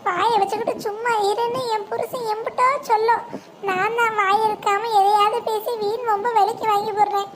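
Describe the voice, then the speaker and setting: A woman's voice: very high voice, brisk. A woman voicing a guilt-ridden young village wife in a cartoon, tearful and pleading. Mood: tearful, guilty. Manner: tearful, self-blaming, pleading. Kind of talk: cartoon voice acting. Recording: steady background noise.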